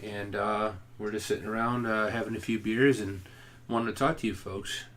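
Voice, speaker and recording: A man's voice: on the low side, fairly even intonation, moderate pace, crowd noise. A man co-hosting a casual home podcast, rambling with many fillers and restarts. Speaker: podcast co-host. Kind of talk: casual chat.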